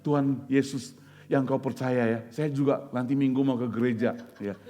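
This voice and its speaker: A man voicing a mother in a sermon story, in a lower, quieter tone. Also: steady tone, normal speed, close to an everyday voice. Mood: pleased. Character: stern then proud mother of a young boy.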